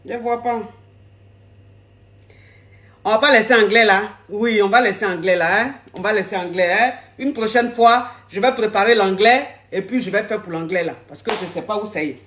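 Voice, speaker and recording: A woman's voice: mid-range voice, normal speed, fairly bright tone. A woman hosting a live call-in advice stream, playful and repeating her phrases.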